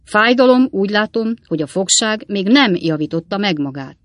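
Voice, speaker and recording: A woman's voice: medium pitch, lively intonation, dry recording, pitched above the performer's own voice, close to an everyday voice. Storybook: woman plays a self-important sanctimonious male preacher, dry close sound. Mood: pompous. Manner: pompous, solemn. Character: pompous hypocritical red-nosed male preacher.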